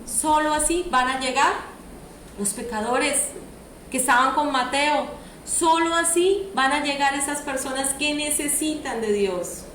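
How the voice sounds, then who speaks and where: Woman preacher, high voice, animated sermon, echoey hall with faint noise. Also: measured pace. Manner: animated, asks the audience questions often. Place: church hall.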